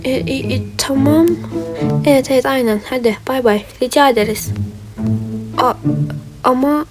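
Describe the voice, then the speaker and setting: A woman voicing characters in a doll game role-play, lively and chatty, switching between them. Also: high voice, moderate pace. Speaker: role-play video maker. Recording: background music.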